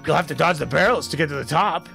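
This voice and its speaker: A man reading as a matter-of-fact gatekeeper car in a video game, explaining in a measured way. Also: on the high side, gravelly, pushed and bright, soft background music, exaggerated voice. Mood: instructive.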